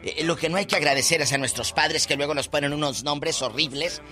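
A man's voice: on the high side, a little fast, pushed and bright, faint music behind. A man from Mexico co-hosting a comic radio show, joking and acting out voices in his anecdotes. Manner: playful, acts out voices in anecdotes. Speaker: radio co-host.

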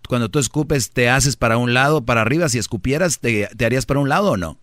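A man's voice: mid-range voice, fast, fairly bright tone, no echo. Guy hosting a call-in radio show, blunt and mocky, dry close sound. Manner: blunt, mocking, cuts in to take the floor.

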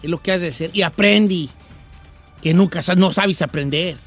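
A man's voice: high-pitched, normal speed, faint music behind. A man hosting a comic news show, reading stories and teasing his co-hosts.

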